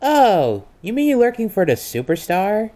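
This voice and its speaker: An actor playing a mischievous young trickster and liar in an amateur comedic role-play, coy and teasing with drawn-out feigned innocence. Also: male voice, high-pitched, wildly swooping pitch, dark tone. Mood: chirpy.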